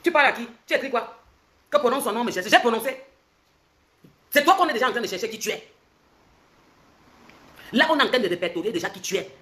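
A woman's voice: a little high, lively intonation, fairly bright tone. A woman, ranting angrily in a confrontational social media livestream and firing off accusing questions. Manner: angry, confrontational, rapid-fire questions. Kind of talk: heated livestream rant.

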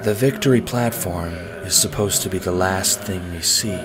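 Man doing an emotionless robot troll girl in a deep, flat monotone. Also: moderate pace, over music, close to an everyday voice. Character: mechanical female troll, emotionless.

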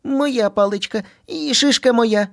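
A man's voice: very high voice, measured pace, creaky, voice pushed up, exaggerated voice. A man voicing two squabbling little boy bunny brothers in a storybook reading, whiny and bickering.

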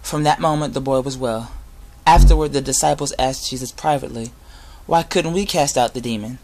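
Young man, mid-range voice, earnest halting delivery, informal sermon and scripture reading, close device mic in a garage. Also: mid-range voice, a little mellow, low-quality recording. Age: young adult. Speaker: inspirational speaker giving a Bible talk. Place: inside a garage. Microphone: device camera at close range.

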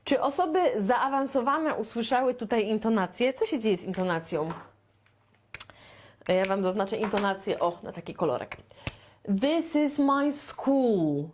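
A woman from Poland teaching a beginner English lesson, chatty and playful, stretching out her model sentences very slowly. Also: mid-range voice. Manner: slow, deliberate, with very drawn-out model sentences; chatty and playful, with sound effects.

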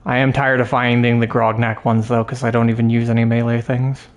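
A man's voice: mid-range voice, little pitch movement, a little fast. Male streamer, everyday mid voice, rambling casual play-along commentary. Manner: chatty, rambling, swears at the game. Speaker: streamer playing a game.

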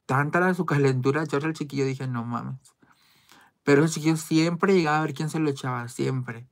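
A woman's voice: deep voice, fast. A woman telling gossip stories in a chatty, candid way, using crude slang and many fillers. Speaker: vlogger. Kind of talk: casual gossip storytelling.

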